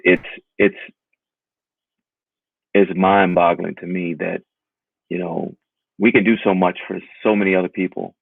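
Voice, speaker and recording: A low-voiced man speaking bluntly and profanely in a casual podcast chat. His voice comes through a narrow, tinny, phone-like line, dry with no room echo. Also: vocal fry. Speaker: podcast co-host.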